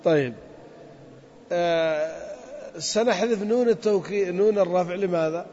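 A man with a high voice teaches a grammar class and keeps quizzing his students. He stretches the example words out slowly. The recording is dull, with a long reverb from the classroom. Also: darkish tone. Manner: drills students with questions, drawls out example words. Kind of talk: classroom lesson.

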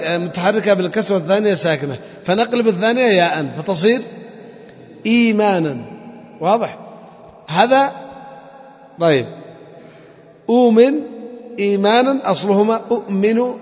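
A man with a high-pitched voice teaches a class, stopping often to quiz the students and repeat key terms. The recording is dull and lo-fi, and his voice rings with a long room echo. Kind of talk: classroom lesson on Arabic morphology.

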